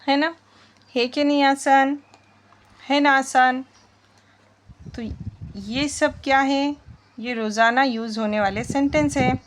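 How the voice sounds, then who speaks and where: Slow, patient woman teaching English. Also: high-pitched, steady tone. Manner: slow, repeats sentences word by word, quizzes the viewer. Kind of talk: spoken English lesson.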